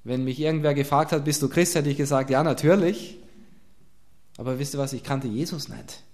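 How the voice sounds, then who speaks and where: A man preaching a sermon, earnest and emphatic, asking his listeners direct questions and dropping to a quiet voice at times. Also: mid-range voice, a little fast.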